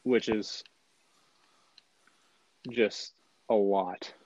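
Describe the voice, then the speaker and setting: A man's voice: fairly low pitch, fairly even intonation, extremely slow, darkish tone, no echo, highs cut off. A man co-hosting a podcast in casual chat, often stumbling and repeating words as he starts a sentence. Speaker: podcast co-host.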